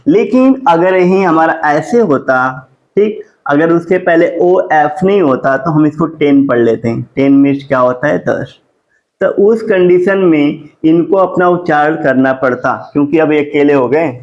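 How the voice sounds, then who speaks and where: A man teaching a classroom grammar lesson. He asks his students questions and answers them himself, and he spells words out slowly. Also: on the high side, a little mellow. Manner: drawn-out slow spelling of words. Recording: dull lo-fi classroom recording.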